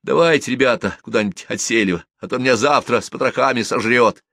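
A man voicing a worried soldier on sentry duty who grumbles loudly and anxiously in an audiobook reading. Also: medium pitch, fast, no room sound, studio quality, voice pushed up.

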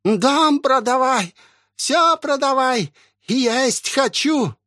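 A man's voice: extremely high pitch, expressive, drawn-out words, pushed and bright, no room sound, studio quality, voice pushed up, heavily acted. A man voicing the ravenous spirit of an old woman who shrieks her demands. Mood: shrieking, greedy. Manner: screaming demands. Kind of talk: audiobook character voice.

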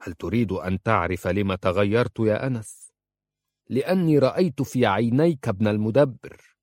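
A man voicing an older judge and father, proud and stubborn, speaking in a stern, measured way. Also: on the low side, animated, darkish tone, dry recording, studio quality.

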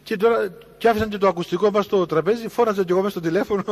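A Cypriot Greek priest preaches in a high voice, acting out each person in the story he tells. His words ring out with a long hall reverb. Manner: animated storytelling, acting out dialogue. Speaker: Orthodox priest. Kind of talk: sermon with storytelling.

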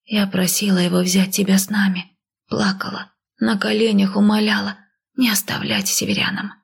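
Woman doing a hushed, guilt-ridden stepmother. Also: mid-range voice, flat delivery, moderate pace, gravelly, husky. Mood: guilty. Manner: hushed, near-whispered. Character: guilt-ridden older stepmother, soft and pleading.

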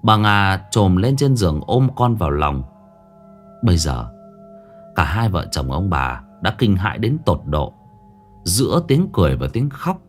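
A man with a low voice narrates a ghost story, drawing out the tense moments with slow, dramatic pacing. His pitch rises and falls in a lively way, and faint music plays underneath.

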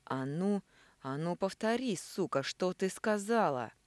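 A woman's voice: fairly low pitch, expressive, dry recording, pitched above the performer's own voice. A woman reading a brash middle-aged man, sneering and hot-tempered, close dry sound. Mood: angry. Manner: sneering, loud, quick to anger.

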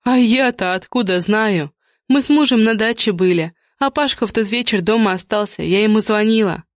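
A woman's voice: medium pitch, normal speed, no echo, clean studio sound, pitched above the performer's own voice, close to an everyday voice. A woman voicing an anxious middle-aged mother who pleads and moans. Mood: defensive. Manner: pleading, moaning.

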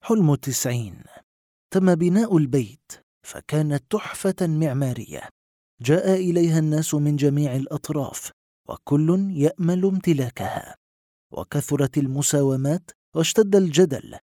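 A man narrating short literary stories in a measured, even reading voice. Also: fairly high pitch, no room sound, clean studio sound.

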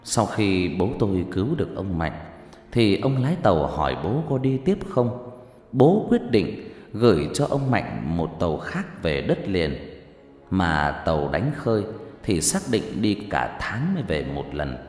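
A man's voice: sits low, very animated, unhurried. A man narrating a dramatic first-person story. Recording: roomy reverberant room, soft music.

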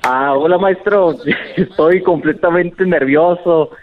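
A man's voice: fairly high pitch, slow. A man calling in to a radio show, joking and self-mocking. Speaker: caller. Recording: tinny phone line.

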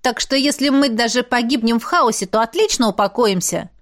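A woman's voice: a little high, brisk, close to an everyday voice. A woman voicing a confident young man in an audiobook, assertive and matter-of-fact.

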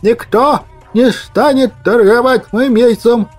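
A man voicing a manic old male birdkeeper in an audiobook, shouting frantically and drawing out his words. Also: very high-pitched, slow, faint music behind, pitched above the performer's own voice, full character voice. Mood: frantic. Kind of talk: audiobook character voice.

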